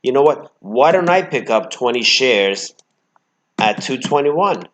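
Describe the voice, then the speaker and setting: A man's voice: medium pitch, animated, unhurried, fairly bright tone. A man hosting a trading channel, giving live, brash commentary on his stock trades, swinging between emphatic outbursts and muttered asides.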